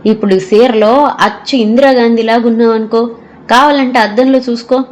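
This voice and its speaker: A woman voicing a cheeky, teasing woman in an audio story, speaking high and loud. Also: steady tone, moderate pace, lightly acted.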